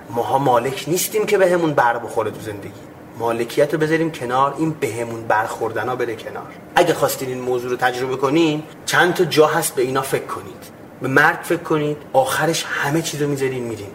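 A man's voice: medium pitch, fairly bright tone, slight background noise. Man preaching with acted-out dialogues. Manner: acts out imagined dialogues with listeners; earnest, explanatory preaching. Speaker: religious speaker. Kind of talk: religious ethics talk.

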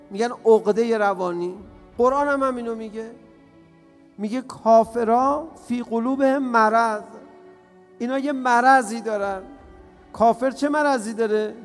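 High-voiced man preaching in a hall. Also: darkish tone. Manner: rhetorical questions, repeats lines for emphasis. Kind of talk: religious sermon. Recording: reverberant hall with faint music.

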